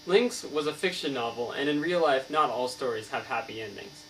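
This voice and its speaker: In a scripted mock interview, a male student takes the role of a serious, erudite author, delivering formal, recited-sounding explanations with the odd verbal stumble. He speaks at normal speed in a mid-range voice that is animated, pushed and bright. A far-off mic picks up clear mains hum.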